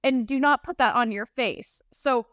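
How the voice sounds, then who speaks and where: A woman's voice: high-pitched, a little slow, a bit bright, no echo, clean studio sound. A middle-aged woman talking casually and emphatically as a guest expert in an interview. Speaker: podcast guest, esthetician and company founder.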